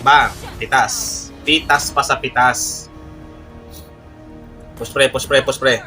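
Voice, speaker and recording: A man's voice: mid-range voice, slow, soft background music. A young man, commentating his own gameplay live with brash, cursing trash talk and boastful bragging. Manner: boastful, mock-calm refrains. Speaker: gaming streamer.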